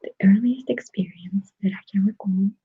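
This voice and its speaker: A woman chatting to viewers in a soft, unhurried whispered ASMR style. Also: mid-range voice, husky. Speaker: ASMR creator. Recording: dry tinny phone-like sound.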